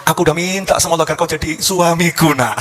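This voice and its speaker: A man's voice: on the high side, fast talker, crowd noise, natural voice. A man voicing a widowed middle-aged mother who begs a young man to marry her. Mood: pleading. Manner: begging, tearful.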